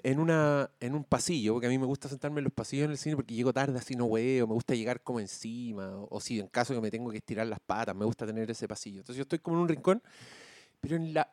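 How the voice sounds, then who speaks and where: A man with a Chilean accent telling an animated, slangy story among podcast co-hosts, swearing freely. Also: mid-range voice, dry recording, studio quality. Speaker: podcast co-host. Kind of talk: casual storytelling chat.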